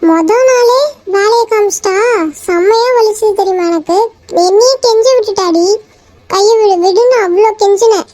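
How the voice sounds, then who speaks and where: A woman doing a very high-voiced complaining office girl. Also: moderate pace, no echo. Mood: aggrieved. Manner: complaining, animated storytelling. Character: young office woman, aggrieved gossip. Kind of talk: Tamil cartoon voice acting.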